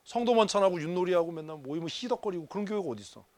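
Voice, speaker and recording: Male pastor, seminar talk, lively teasing delivery with lots of questions, dry sound. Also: high-pitched, racing, dry recording. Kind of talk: church leadership seminar talk. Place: church hall.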